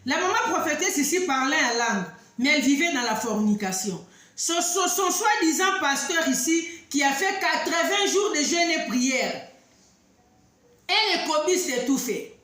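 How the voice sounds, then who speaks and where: In a very echoey room, a high-pitched woman hosting an online talk for women tells a story about living abroad in southern Africa. She speaks a little slowly, in an emphatic, warning way, swinging between loud outbursts and quiet asides.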